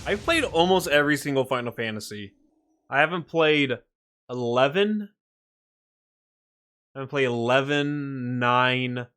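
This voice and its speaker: A man's voice: medium pitch, lively intonation, unhurried, long pauses, a bit bright, clear, resonant tone. A man streaming a game, chatting casually and rambling about what he has played. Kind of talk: casual gaming stream chat. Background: faint game music.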